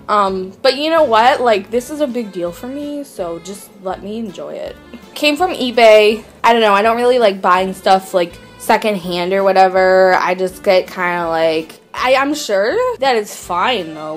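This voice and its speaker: A woman vlogging an unboxing in casual chat, excitable, swearing often and filling her talk with "like". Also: mid-range voice. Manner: excitable, swears a lot, says "like" constantly.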